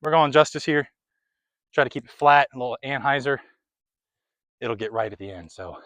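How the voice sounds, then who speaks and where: A man's voice: mid-range voice, lively intonation, moderate pace, fairly bright tone, no room sound. A young man talking through a disc golf round outdoors, chatty and a little out of breath. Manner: chatty, running commentary between throws. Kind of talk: casual play-by-play commentary.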